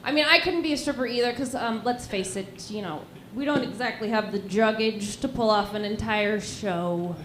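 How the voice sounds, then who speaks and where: A woman's voice: medium pitch, moderate pace, few pauses, echoey room, a little hiss or hum. A woman in her twenties from Reno and Las Vegas, performing stand-up comedy with brash storytelling and acted-out asides. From Reno and Las Vegas, USA.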